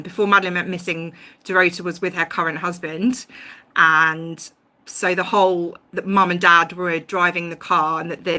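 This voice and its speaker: Woman, livestream host, casual commentary, bright tone, lower pitch, hesitant and rambling. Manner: rambling, many ums and restarts, self-aware about tangents. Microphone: home livestream mic.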